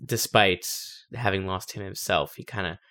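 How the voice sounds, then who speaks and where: A man chats casually as co-host of a game commentary. His voice is on the low side, and he talks through things conversationally. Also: normal speed, sharp tone. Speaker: co-host of a game playthrough discussion.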